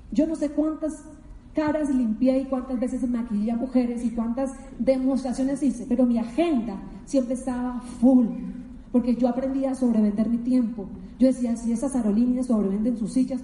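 A middle-aged Colombian woman, a motivational speaker, tells her story in an emotional, emphatic talk full of repetitions. Her voice is mellow and a little high, and the recording comes from an echoey hall with long reverb.

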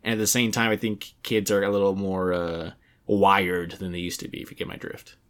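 A man's voice: low-pitched, fairly even intonation, a little fast, smooth. A young adult man hosting a casual video game podcast, talking in a rambling way with many restarts and fillers. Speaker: podcast host.

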